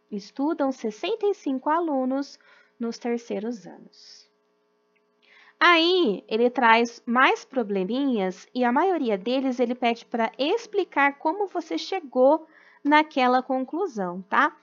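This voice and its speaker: Patient Brazilian teacher, higher voice. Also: female voice, highs cut off. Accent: Brazilian Portuguese. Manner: patient, explains slowly, ends phrases with "tá?". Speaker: primary school teacher. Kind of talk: remote class lesson.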